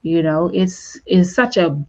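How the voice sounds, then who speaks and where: A woman with a fairly low voice talks through a panel discussion as a trauma counselor. She is reflective and leans on "you know" as she goes. The recording sounds dull and lo-fi. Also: unhurried, warm tone. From Bahamas. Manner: reflective, lots of "you know", laughs lightly.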